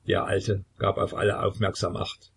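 A man narrating a literary novel in a measured, grave reading. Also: low-pitched, completely flat delivery, gravelly, slightly rough. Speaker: audiobook narrator.

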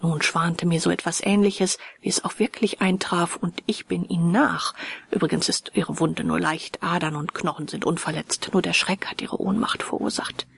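Lady playing a serious old professor guy, low and steady, gravelly. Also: normal speed. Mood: reassuring. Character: older male professor, grave and calm.

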